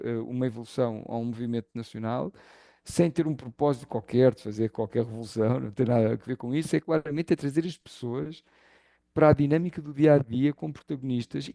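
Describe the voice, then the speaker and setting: A man from Lisbon with a Lisbon Portuguese accent, speaking as an interview guest in a thoughtful way, often pausing on fillers as he searches for words. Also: mid-range voice, gravelly, dark tone, no room sound. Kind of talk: reflective conversational interview.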